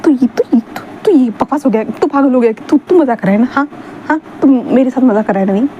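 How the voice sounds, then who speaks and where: A woman's voice: high-pitched, fairly quick, lightly acted. A woman doing an impatient young male roommate. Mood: disbelieving. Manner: scolding, impatient. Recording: dull lo-fi sound, faint hum.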